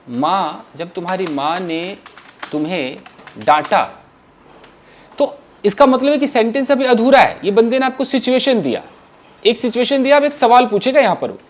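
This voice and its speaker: Lively man teaching English grammar. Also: sits high, slight background noise. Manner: animated, questioning the class and answering himself. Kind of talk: classroom grammar lesson.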